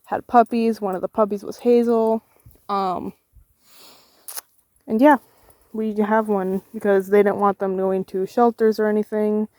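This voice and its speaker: A woman's voice: mid-range voice, little pitch movement, measured pace, long pauses, dark tone, no room sound. Young woman vlogger clapping back at comments, kinda indignant, chatty, dry close mic. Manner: indignant, argumentative, counts off points. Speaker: vlogger with a service dog. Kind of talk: casual commentary replying to online comments.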